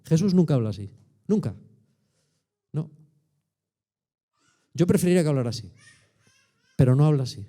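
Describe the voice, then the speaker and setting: Spanish guy in his 60s preaching, really deep mellow voice, chatty and punchy. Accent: Spain Spanish. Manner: colloquial, emphatic, peppered with rhetorical tags. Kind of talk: sermon.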